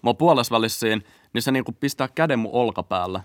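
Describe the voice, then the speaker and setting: A man's voice: medium pitch, expressive, dry recording, clean studio sound. A young man with a Finnish accent, telling a story in a hesitant, filler-heavy way. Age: young adult. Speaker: podcast guest. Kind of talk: casual storytelling chat.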